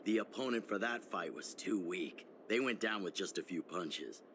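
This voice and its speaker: A man playing an easygoing, jovial older mentor in a video game, relaxed and teasing. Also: low voice, moderate pace, slight background noise. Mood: amused storytelling. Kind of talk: video game character acting.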